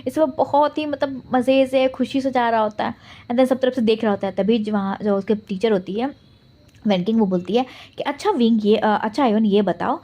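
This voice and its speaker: A woman narrating a fan story in a rapid, chatty way as channel host. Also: a little high, fairly even intonation, warm tone.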